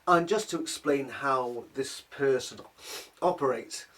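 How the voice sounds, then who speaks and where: A man's voice: medium pitch, a little slow, fairly bright tone, distant mic. A middle-aged man telling a personal story in a rambling, exasperated way, often restarting his sentences.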